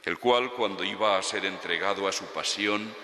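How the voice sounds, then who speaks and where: A man, a priest intoning the prayers of Mass in measured, solemn recitation, with a long cathedral echo around his voice. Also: sits low, bright, forceful tone. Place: large church. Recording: echoey church from a distance.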